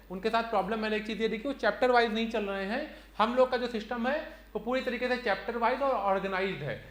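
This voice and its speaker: A man gives an online reasoning lesson. His voice sits high and he explains each step slowly and clearly. The recording has an echoey, roomy sound. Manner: explains step by step, counting aloud, fillers like "theek hai". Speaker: reasoning teacher. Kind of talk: online exam-prep lecture.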